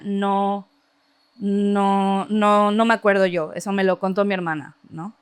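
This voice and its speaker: A woman telling a story from her childhood in casual, lively conversation, laughing often and imitating other people's voices. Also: medium pitch, clean tone, dry recording. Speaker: podcast guest.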